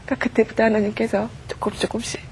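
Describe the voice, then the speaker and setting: A woman's voice: on the high side, flat delivery, quick pace, a little mellow, a little hiss or hum. Earnest woman telling her testimony. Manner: earnest storytelling, acts out quoted prayers and dialogue. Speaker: guest giving testimony.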